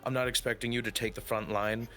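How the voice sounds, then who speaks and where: A man organizing a roleplay, checking in with a player in a measured, friendly way. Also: mid-range voice, little pitch movement, pushed and bright. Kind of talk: out-of-character planning chat.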